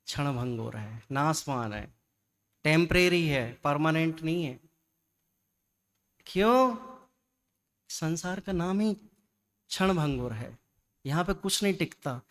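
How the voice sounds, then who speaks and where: A man giving a religious discourse, lively and full of rhetorical questions and repetition. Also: on the high side, takes it slowly, long pauses. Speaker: Jain scholar giving a discourse.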